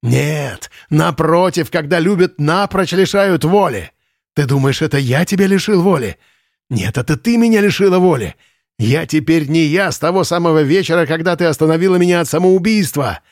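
A man voicing a desperate, unstable male camp commandant who pleads and shouts hysterically. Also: medium pitch, moderate pace, no echo, studio quality, lightly acted. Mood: frantic.

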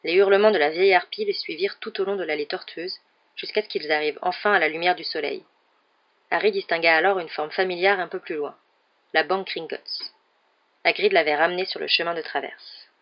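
A woman narrating an audiobook in a steady, measured storytelling voice. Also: lowish voice, highs cut off.

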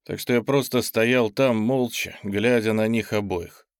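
A man narrating an audiobook in an even, measured reading voice. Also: lowish voice, smooth, no room sound, clean studio sound.

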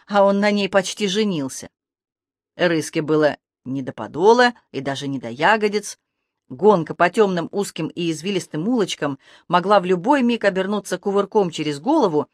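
A lively audiobook narrator tells a fantasy adventure with a medium pitch that leaps higher and louder in the fast scenes. The recording is dry and close, with no room sound. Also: no room sound. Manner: lively expressive reading that shifts pitch and loudness for action.

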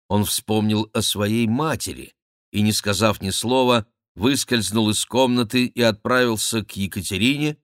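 A man reading a historical novel aloud in expressive audiobook narration, measured and close to the mic. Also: medium pitch, dry recording. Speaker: audiobook reader.

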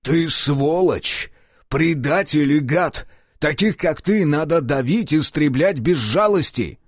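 A gruff middle-aged police chief barks and sneers with sharp scorn, as a male audiobook reader puts him on. His pitch swings widely, and the dry recording carries no room sound. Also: big pitch swings, a little slow, no room sound. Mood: furious. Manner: gruff, scathing, shouting in anger.

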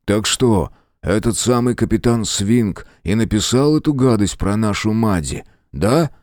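A man's voice: on the low side, expressive, measured pace, a little mellow, no echo, studio quality. A man voicing a blunt, loyal soldier brother who talks earnestly in an audiobook.

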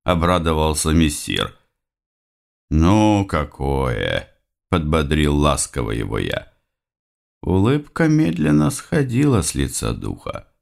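Casting: deep-voiced male reader, wry and commanding first-person narration. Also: very animated, measured pace, gravelly. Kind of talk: audiobook reading.

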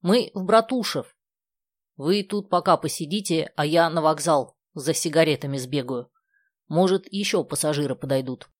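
A woman acts out a brash male bus driver in an audiobook, loud and offhand, easygoing and a little cheeky. The delivery is dry and close to the mic. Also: deep voice, normal speed, dry recording. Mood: breezy.

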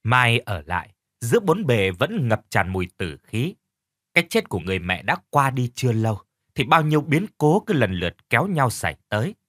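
Expressive male audiobook narrator. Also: mid-range voice, a little fast, no echo, clean studio sound. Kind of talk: dramatic story narration.

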